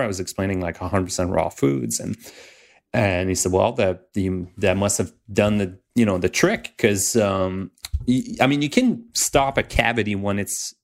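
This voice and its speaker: A man chatting casually on a podcast, telling rambling personal anecdotes. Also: sits low.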